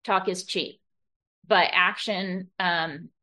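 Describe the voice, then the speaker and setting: A woman's voice: on the low side, steady tone, slow, bright, forceful tone. A middle-aged woman sharing her story at a recovery meeting in a room full of people. She talks conversationally, restarts often and keeps checking in with the room. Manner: conversational storytelling, rhetorical tags, many restarts. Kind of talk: personal share at a meeting.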